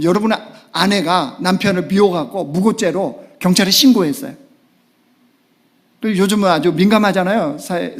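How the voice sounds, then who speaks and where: A male pastor preaching a Sunday sermon. He swings from hushed, almost whispered lines to loud, urgent exclamations. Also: sits high. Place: church sanctuary.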